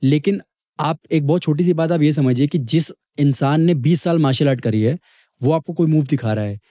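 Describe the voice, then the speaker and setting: A man's voice: a little high, brisk, dry recording, studio quality. Young man telling a story. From Kanpur, India. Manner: lively storyteller who acts out quoted dialogue. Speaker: guest, MMA fighter. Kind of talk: casual storytelling chat.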